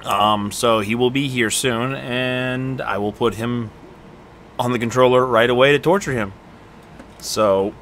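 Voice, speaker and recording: A man's voice: medium pitch, a little hiss or hum. A man casually commenting on a video game as he plays, rambling with lots of fillers. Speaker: game streamer. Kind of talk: casual let's-play commentary. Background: loud video game music.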